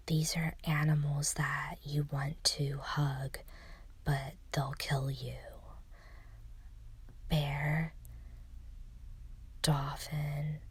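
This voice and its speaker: A woman whispering deadpan jokes in an ASMR style, in a breathy voice with a deliberate delivery. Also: sits low. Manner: slow, deliberate delivery with short list items.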